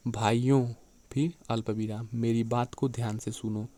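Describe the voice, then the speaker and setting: A male teacher talks through an exam-prep lecture at a middle pitch, often checking in with his students. His voice is recorded close and dry, with no room sound. He slows down to read definitions and examples aloud. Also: little pitch movement, dark tone, no echo. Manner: keeps checking in with "theek hai" and "dekhiye".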